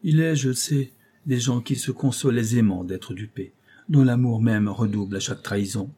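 A man's voice: medium pitch, normal speed, warm tone, breathy edge, natural voice. Man voicing a crafty old job broker. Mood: scornful. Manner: coaxing, ironic, lecturing. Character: crafty aging male job broker, paternal and scheming. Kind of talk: audiobook character voice.

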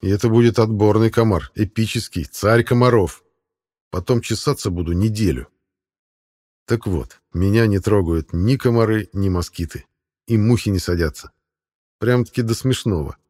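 A man narrating a first-person audiobook in a dry, sardonic, deadpan manner. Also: lowish voice, moderate pace.

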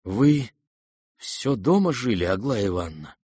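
A man reading aloud and voicing a gentle, simple-hearted young prince who speaks earnestly and guilelessly. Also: on the low side, sing-song, unhurried, slightly rough, dry recording, clean studio sound, full character voice.

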